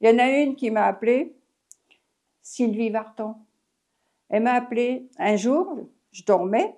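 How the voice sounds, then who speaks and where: She talks unhurriedly in a mellow, slightly high voice with expressive intonation. In her eighties and from France, this former taxi driver gives a rambling, chatty oral history interview, restarting many times as she goes.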